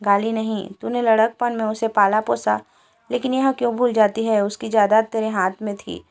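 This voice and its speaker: A woman's voice: on the high side, level tone, moderate pace, vocal fry, a little mellow. A woman voicing a self-important middle-aged village record keeper who lectures. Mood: lecturing.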